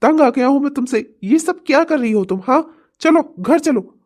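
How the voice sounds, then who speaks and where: A woman's voice: sits high, lively intonation, moderate pace, darkish tone. A woman voicing a frantic scolding husband. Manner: scolding, then begging with folded hands. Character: pleading, frustrated husband chasing his wife. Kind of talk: Hindi cartoon comedy voice acting.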